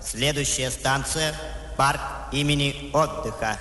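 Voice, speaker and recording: A man giving a formal, measured announcement over a metro public-address loudspeaker. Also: mid-range voice. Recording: echoey station hall with loud noise.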